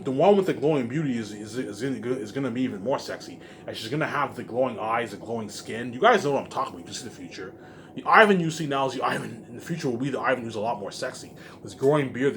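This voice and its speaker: A man rambles casually to viewers, fast-talking in a medium-pitched, fairly bright voice with lively intonation. He's emphatic, repetitive and profane, reusing the same verbal tags, while a laundry machine hums faintly in the background.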